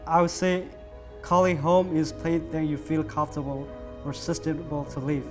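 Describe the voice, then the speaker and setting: A man, originally from Burma, speaks earnestly in a personal interview, halting at times and using simple phrasing. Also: fairly high pitch, flat delivery. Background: music.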